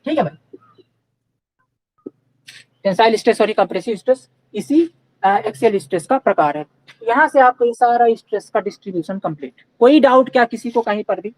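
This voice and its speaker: A man with a high, slightly mellow voice teaches a live online engineering class, posing questions and answering them himself. He keeps checking that students follow with "okay" and "clear?", speaking Hindi mixed with English technical terms. The audio is dry and poor.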